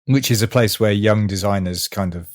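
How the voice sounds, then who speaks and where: A man hosting an interview, asking long, measured, carefully framed questions. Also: lowish voice, dry recording, studio quality. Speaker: interview host.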